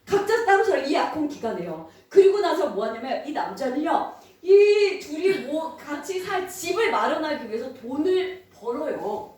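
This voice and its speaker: A woman teaching a children's church service, animated, quizzing the kids and laughing often. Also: high voice, moderate pace. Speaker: children's Sunday school teacher. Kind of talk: children's sermon. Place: church hall. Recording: echoey church hall from far off.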